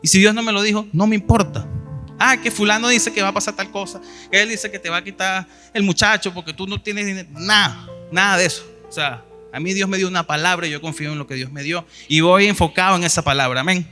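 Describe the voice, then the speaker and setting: A man's voice: sits high, fairly even intonation, quick pace, pushed and bright, soft background music. A man preaching a sermon, retelling scripture stories and reading verses aloud with emphasis.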